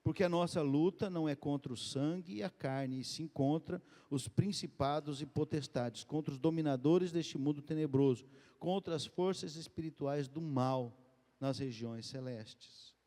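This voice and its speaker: A man preaching a sermon in a conversational way, calling the congregation "dear ones" and often rising and speeding up as he speaks. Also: normal speed. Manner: conversational, addresses the congregation as "queridos" and "gente"; lively, often rises in pitch and speeds up. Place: church hall. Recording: long hall reverb.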